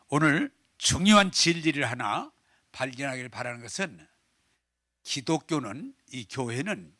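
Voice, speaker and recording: A man's voice: mid-range voice, pushed and bright, dry recording, clean studio sound. A middle-aged male pastor preaching a sermon, telling the story with animation, acting out the dialogue and putting questions to the congregation. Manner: asks the congregation questions and leads them in repeating.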